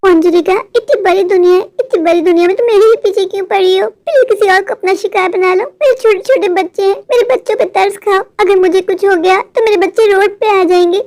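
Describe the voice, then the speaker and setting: Woman voicing a scared high-voiced office man. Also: brisk, hardly any pauses, a little mellow. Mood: frightened. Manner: anxious, pleading, irritable toward his wife. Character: frightened adult male office worker, tired husband.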